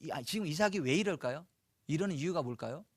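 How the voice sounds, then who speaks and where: A male pastor preaching a sermon, reading scripture slowly and asking the congregation rhetorical questions. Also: a little high, lively intonation, dry recording. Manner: slow, weighty scripture reading.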